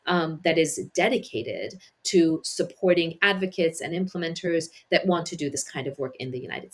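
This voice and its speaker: Woman, interview guest, lowish voice, measured, explanatory, frequent restarts. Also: slightly rough. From Iran. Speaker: guest, policy advisor. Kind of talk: conversational interview.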